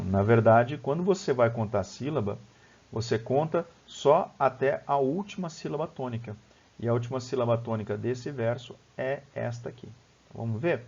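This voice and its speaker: A man's voice: mid-range voice, a little mellow, husky, highs cut off. A man with a Brazilian Portuguese accent, teaching a lesson on poetry from home, explaining step by step and often checking in with his listeners. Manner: explanatory, lots of "né?" and "ó".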